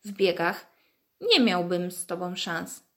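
Woman reading as a friendly bearded guy in a wheelchair, calm and patient, easy good humour, storybook voice. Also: fairly low pitch, takes it slowly.

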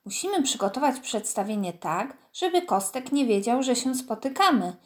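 A woman's voice: on the high side, expressive, moderate pace, close to an everyday voice. A woman doing a scheming little schoolgirl. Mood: whispering. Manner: conspiratorial.

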